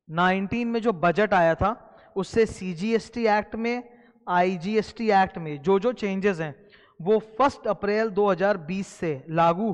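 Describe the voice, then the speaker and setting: A man with an Indian accent and a notably high voice, teaching exam candidates in a casual lecture. He talks to students directly, mixing in English terms and repeating key points. His voice rings with a long reverb in the room. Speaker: exam tutor. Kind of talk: recorded lecture explaining a syllabus.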